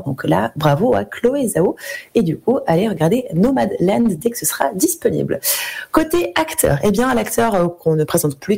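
A woman's voice: mid-range voice, creaky, warm tone, slightly rough. A woman presenting a celebrity news segment on the radio, chatty and casual, often correcting herself mid-sentence. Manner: chatty, self-correcting, apologizes for her English accent. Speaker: radio entertainment columnist.

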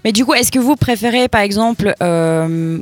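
A woman's voice: medium pitch, normal speed. A woman hosting a show, reading a prepared monologue to listeners, then leading a group chat with questions. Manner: addresses listeners directly, leads questions. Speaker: podcast host.

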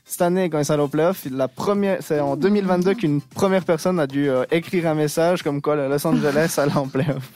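Quiz panelist, man, slightly high voice, easygoing banter, faint music behind. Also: fairly even intonation, fairly quick, few pauses, a little mellow. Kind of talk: casual studio banter.

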